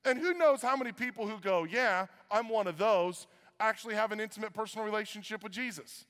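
A man's voice: a little fast, clean tone. A man from Iowa preaching a sermon as pastor, conversational with joking asides. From Iowa, USA. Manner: conversational, joking asides, lively swings in pitch. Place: church auditorium. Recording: reverberant church hall.

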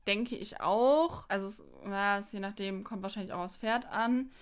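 A young woman chatting casually as a podcast co-host, recapping an episode with puzzled remarks and quick acted-out quotes of the characters. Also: medium pitch, clean tone.

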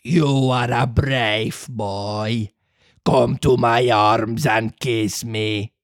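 A man voicing a gruff, volatile male puppet-theatre master with a slow, hoarse growl. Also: mid-range voice, fairly even intonation, no echo, clean studio sound.

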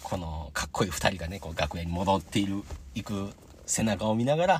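A man's voice: low voice, brisk, slight background noise. A young man with a Kansai accent hosting a casual solo podcast, chatting about his day and acting out the voices in his anecdotes. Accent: Kansai Japanese. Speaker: podcast host.

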